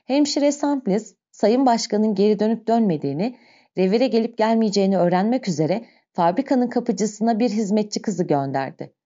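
A woman narrating a novel as an audiobook in slow, measured storytelling, on a dull lo-fi recording. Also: mid-range voice, animated, mellow.

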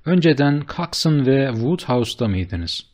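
A man voicing an eager, flattering bearded businessman who speaks with emphatic enthusiasm in an audiobook. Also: mid-range voice, unhurried, pitched above the performer's own voice. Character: eager, fast-talking bearded businessman, middle-aged man.

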